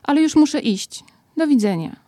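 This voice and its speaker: A woman's voice: sits high, lively intonation, moderate pace, warm tone, dry recording, studio quality, voice pushed up. Winnie the Pooh, read by a woman in a lifted, plaintive voice. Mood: cheerful. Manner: raised, plaintive calls. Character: plump, good-natured, slow-witted male teddy bear. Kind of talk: storybook reading.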